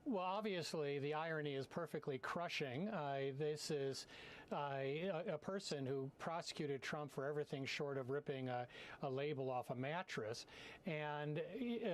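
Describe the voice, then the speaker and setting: An American man speaks as a legal analyst on TV news, in a slightly high register. He explains things in a halting, measured way with dry wit, and there is clear room noise behind him. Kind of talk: TV news interview commentary.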